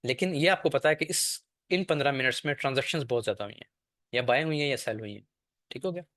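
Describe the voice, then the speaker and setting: A man's voice: medium pitch, fast, a bit bright, dry recording, clean studio sound. Man teaching trading in speech. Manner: explanatory, checks in with "ठीक है?" often. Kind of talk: screen-share lesson.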